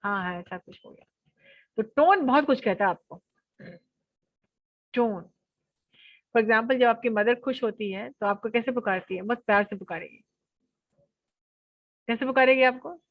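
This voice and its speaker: A young adult woman giving an online college lecture, lively and often laughing as she acts out examples with her voice. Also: fairly high pitch, unhurried, pauses often, no room sound.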